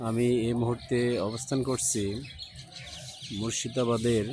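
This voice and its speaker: Guy doing a walking tour vlog outside, talks in slow choppy bits, a bit of outdoor noise and birds behind. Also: medium pitch, flat delivery. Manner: measured, speaks in short broken phrases. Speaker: travel vlogger. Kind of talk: on-location guided tour. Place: outdoors at a historic palace site.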